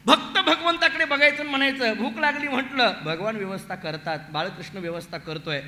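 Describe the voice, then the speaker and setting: A man telling a devotional story as a kirtan preacher, animated and acting out the voices of the story's figures, with a Marathi accent. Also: very high voice, brisk. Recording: echoey hall with long reverb.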